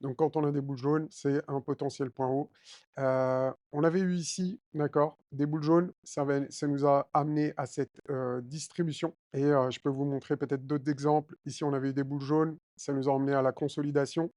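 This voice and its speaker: A man with a fairly high voice walks his viewers through a price chart in a relaxed, filler-heavy way, often checking in with them. His voice is recorded close and dry, with almost no room sound. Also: fairly quick, no room sound. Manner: addresses viewers directly with frequent d'accord and hein. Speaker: crypto trading YouTuber. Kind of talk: chart analysis walkthrough.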